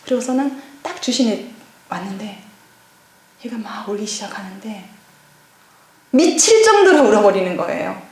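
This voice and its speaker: Pastor's wife telling her story at a church seminar, animated and lively, lots of room echo. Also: mid-range voice, normal speed, long pauses. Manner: lively storytelling, acting out past conversations. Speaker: pastor's wife giving a testimony. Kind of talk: personal testimony at a church seminar. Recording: echoey church hall.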